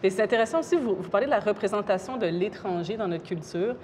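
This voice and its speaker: A woman's voice: medium pitch, fast talker, crowd noise. A woman hosting an interview, asking engaged questions and giving brief affirmations. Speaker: interview host. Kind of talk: interviewing guests.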